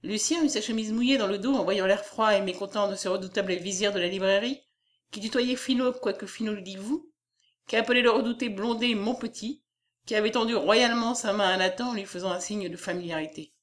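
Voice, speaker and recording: A woman narrating a classic novel in a measured reading style. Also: medium pitch. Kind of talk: scripted narration.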